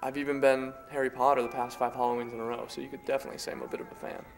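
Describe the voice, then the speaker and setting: A young man doing a shy, awkward superfan student who speaks in a plain mid-range voice with halting starts. He is picked up from a distance in an echoey room, with music underneath. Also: medium pitch, level tone, vocal fry, lightly acted. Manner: awkward, hesitant. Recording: echoey room, mic far off. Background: background music.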